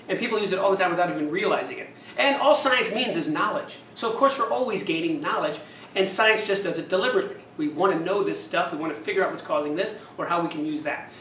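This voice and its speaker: A man's voice: high-pitched, bright, forceful tone, far from the mic, a little hiss or hum. A man leading a hands-on science demonstration as a camp instructor, explaining step by step. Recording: echoey room, voice off-mic.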